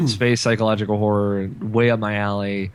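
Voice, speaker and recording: A man with a fairly low voice in casual podcast conversation. He sounds passionate and enthusiastic, peppering his talk with slang and the word 'like'. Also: level tone, normal speed, clean tone. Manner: heavy use of 'like' and slang. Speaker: podcast host. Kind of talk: casual chat about video games.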